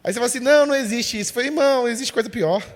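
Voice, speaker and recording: A man's voice: very high-pitched, rapid-fire, big-room sound. A man from preaching a sermon. He speaks emphatically, calls listeners "brother" and acts out the voices of the people he describes.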